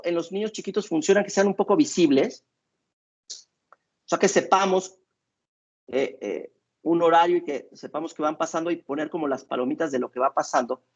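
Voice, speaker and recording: Male doctor, rather high gravelly voice, explains in a halting way with many fillers, dull lo-fi sound. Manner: hesitant, with many filler sounds and repeated words. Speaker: doctor giving parenting advice. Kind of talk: explanatory talk to listeners. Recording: dull lo-fi recording.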